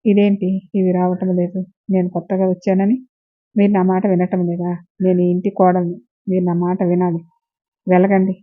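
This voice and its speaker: A woman's voice: on the low side, completely flat delivery, brisk, lightly acted. A woman voicing an innocent, naive young village bride who talks in a simple, earnest, childlike way. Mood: puzzled. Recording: tinny phone-like sound.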